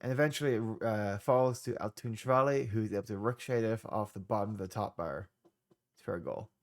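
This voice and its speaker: Speaking briskly in a lowish voice, a young streamer with a stuffy, congested sound narrates his football management game in a relaxed way, letting his asides trail off.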